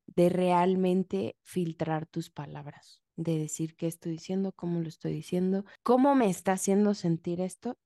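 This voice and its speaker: A woman co-hosting a casual podcast, reflective and unhurried in how she explains things. Her voice sits a bit low and sounds warm and soft. The sound is dry and close, with no room around it. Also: no room sound. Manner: reflective, explains calmly with many fillers. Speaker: podcast co-host.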